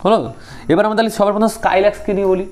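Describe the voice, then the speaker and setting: A man's voice: sits high, steady tone, rapid-fire, a little mellow. A young man teaching a group study lesson, drilling names and making students repeat them. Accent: Bengali.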